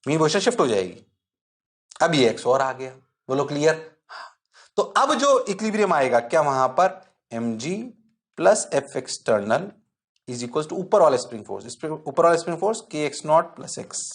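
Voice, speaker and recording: Lively male physics teacher. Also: moderate pace. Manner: lively, keeps checking the class understands; playfully answers his own questions in a low student voice. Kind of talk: online exam-prep lecture.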